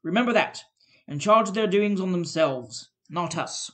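A giant, good-hearted Christmas spirit, as a reader puts him on, speaking in loud, emphatic declarations. He is kindly but stern, like a ghost in a storybook read aloud. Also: mid-range voice, a little slow, natural voice. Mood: solemn.

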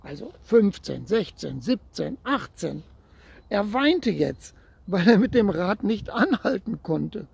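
A man reads a children's story aloud at an unhurried pace, talking gently to a child listener. His voice is husky with a gravelly edge, and the recording is close and dry with no room sound. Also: high-pitched, sing-song, no room sound.

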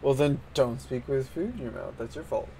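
A man's voice: mid-range voice, brisk, vocal fry, noisy background. A man casually chatting and joking while playing a game on stream. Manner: laid-back, joking. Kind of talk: casual gameplay chat.

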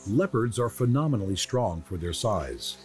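A man narrates a nature documentary in a low voice with lively, varied intonation. His delivery is measured and descriptive, carefully scripted, with music playing clearly behind him.

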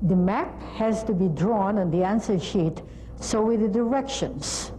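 A middle-aged woman presenting a scripted lesson in a measured, deliberate, instructional way. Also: mid-range voice, mellow, a little hiss or hum, low-quality recording. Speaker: presenter of an educational program on language testing. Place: TV studio.

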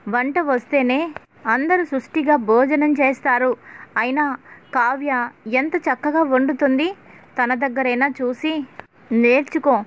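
A woman voicing a sharp-tongued middle-aged mother-in-law who nags and scolds. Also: sits high, fairly even intonation, a little slow, pauses often. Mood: scolding. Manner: nagging, rising to agitated scolding.

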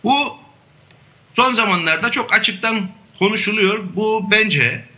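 Male academic guest, high and very bright voice, measured, filler-heavy delivery. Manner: measured, hesitant with frequent fillers. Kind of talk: remote panel discussion.

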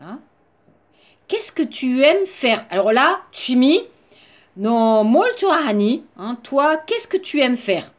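A woman teaching a French lesson to Korean learners, speaking slowly, repeating words and adding Korean glosses. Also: high-pitched, big pitch swings.

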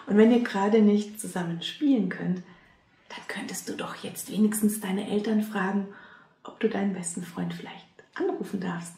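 A woman reading a children's story aloud and speaking gently to the young listeners. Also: mid-range voice, fairly even intonation, moderate pace, gravelly. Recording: roomy echo.

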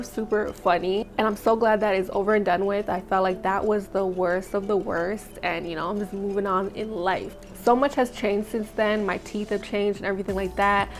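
A young woman vlogging in a chatty, upbeat way straight to the camera, talking with braces on. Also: medium pitch. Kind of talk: casual vlog update.

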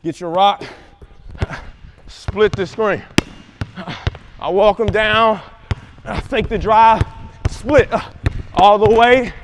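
A young male basketball trainer leads a coaching demonstration in a big indoor gym, energetically shouting out plays and moves on the court. His voice is high-pitched and he speaks slowly, leaving long pauses. Background noise can be heard.

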